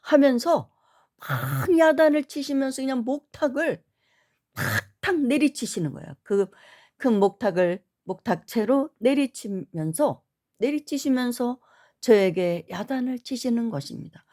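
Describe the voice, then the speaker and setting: A middle-aged woman earnestly recounting a personal spiritual dream, often pausing with an affirming "yes". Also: fairly high pitch, big pitch swings, dark tone. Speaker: spiritual storyteller. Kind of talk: personal storytelling.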